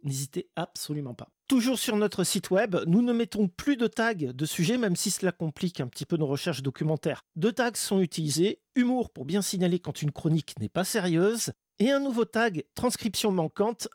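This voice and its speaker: A man's voice: high voice, darkish tone, dry recording, studio quality. A man presenting a semi-scripted radio chronicle with a wry, tongue-in-cheek manner.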